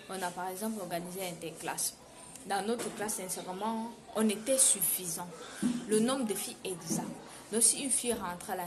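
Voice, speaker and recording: Cameroonian French woman, animated storyteller. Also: lowish voice. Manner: animated, repeats words for emphasis. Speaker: vlogger. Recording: noisy background hiss.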